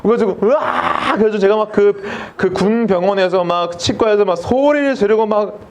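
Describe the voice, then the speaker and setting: A man's voice: sits high, brisk, darkish tone. A middle-aged male pastor telling a comic story in a sermon and acting out the dialogue.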